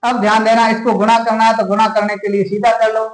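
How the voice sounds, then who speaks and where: A man with a Rajasthani Hindi accent works through a classroom math lesson in a fairly high voice. He talks straight to his students and keeps asking whether they have any doubts. The sound has a roomy echo. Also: flat delivery, fast talker. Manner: addresses students repeatedly, checks for doubts. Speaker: math teacher. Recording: echoey room.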